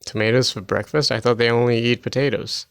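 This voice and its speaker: Dry, teasing man with a smooth voice. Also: mid-range voice, steady tone, fairly quick. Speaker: podcast co-host. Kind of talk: casual chat.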